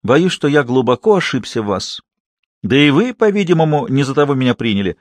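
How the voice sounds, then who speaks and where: A man's voice: mid-range voice, big pitch swings, a little fast, no echo, pitched above the performer's own voice, natural voice. A man voicing a pompous, aging theatre manager who thunders with outrage. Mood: outraged. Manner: blustering, outraged.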